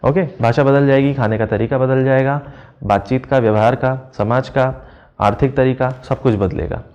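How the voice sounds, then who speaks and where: A medium-pitched man with a darkish tone and fairly even intonation teaches exam prep. He goes through each answer step by step, asks questions only to answer them himself, and reads phrases slowly while translating them.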